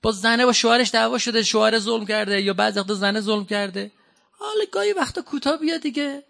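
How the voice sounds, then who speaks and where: A man from Iran delivering a sermon, walking through scripture in a conversational, questioning way. His voice sits high and sounds bright and forceful. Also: expressive, vocal fry. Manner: conversational, addresses audience directly with questions. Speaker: preacher. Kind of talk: sermon with Quran exegesis.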